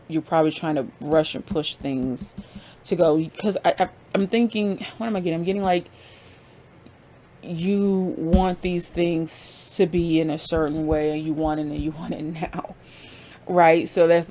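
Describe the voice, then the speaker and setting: Speaking in a low, dark voice, a woman offers a relaxed pick-a-card tarot reading. She talks conversationally, drops slang and plenty of fillers, and laughs frequently along the way.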